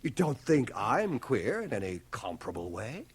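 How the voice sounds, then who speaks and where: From a home cassette transfer of a 1980 radio broadcast, a middle-aged male actor, who is narrator and lead, plays a dry, ironic schoolmaster nearing fifty. His husky, mid-range voice is very animated, measured, pedantic and sardonic, with a mock-innocent mood.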